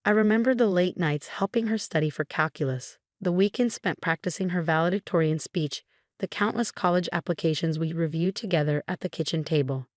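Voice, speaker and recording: A woman reads a scripted first-person story in an even, measured manner. Her voice sits on the low side and sounds dry and close. There is no room sound around it. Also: no room sound. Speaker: narrator.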